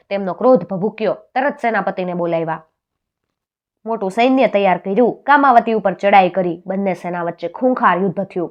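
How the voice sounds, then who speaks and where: A woman's voice: fairly low pitch, lo-fi sound. Woman telling a folk tale steadily. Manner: steady, simple sentences. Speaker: storyteller.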